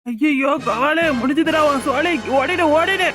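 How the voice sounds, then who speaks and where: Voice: mid-range voice, a little fast, over music, close to an everyday voice. A voice actor playing a cowardly, blustering drunk man in a cartoon, panicky and defensive. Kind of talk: cartoon voice acting.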